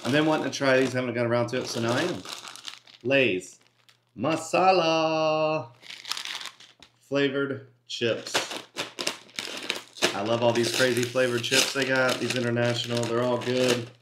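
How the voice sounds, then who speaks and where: A man's voice: mid-range voice, fairly even intonation, a little fast. Middle-aged male vlog host, casual delivery, roomy kitchen sound with faint background noise. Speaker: host of food taste-test videos. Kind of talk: casual chat to camera. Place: home kitchen, indoors. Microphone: camera a few feet away.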